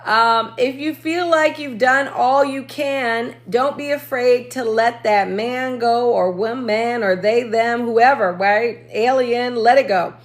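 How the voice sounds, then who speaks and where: Casting: American woman, astrologer host, fairly high voice, chatty and jokey, voice cracking. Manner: chatty, with quick joking asides. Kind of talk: casual horoscope reading.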